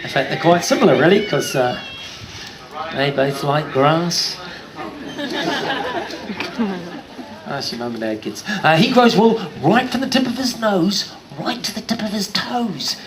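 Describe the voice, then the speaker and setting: Higher-voiced New man, jokey showman. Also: expressive, moderate pace, crowd noise. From New Zealand. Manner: jokey showman, addresses kids and audience. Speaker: sheep show presenter. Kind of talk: live show commentary for a crowd. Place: live show stage before an audience.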